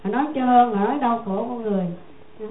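A woman's voice: on the high side, fast talker, noisy background. A woman, a Buddhist nun giving a dharma talk in a folksy, repetitive, conversational way. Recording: echoey tinny phone-like sound.

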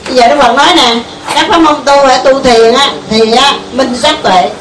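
High-voiced Southern Vietnamese woman teaching. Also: normal speed. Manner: conversational, keeps asking the listeners questions. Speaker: Buddhist meditation teacher. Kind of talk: informal dharma talk to a group. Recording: echoey room, mic far off, faint hiss.

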